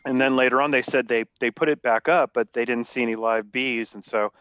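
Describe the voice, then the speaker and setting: A man's voice: medium pitch, fairly even intonation, a little fast, a bit bright, muffled recording, slight background noise. A man giving a casual spoken update as a club member on an online call.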